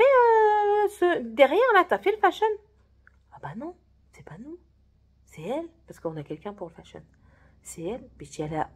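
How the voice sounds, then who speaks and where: Young woman venting about a coworker, husky voice, goes up and down a lot. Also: medium pitch. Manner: animated, retelling a workplace story with quoted dialogue. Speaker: vlogger. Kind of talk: casual storytelling vlog.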